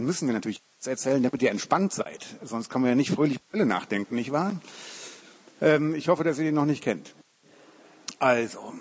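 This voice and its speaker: A man's voice: mid-range voice, a little mellow, breathy edge. A man, a Bible college lecturer, giving a casual, joking sermon to a youth group. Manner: chatty, informal, joking, says "cool" often.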